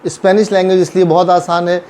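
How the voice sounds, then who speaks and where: A man's voice: high-pitched, level tone, a little mellow, slight background noise. A man with a Pakistani Urdu accent teaching a language lesson, saying each word over and over for practice. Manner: slow, repeats words over and over for drill.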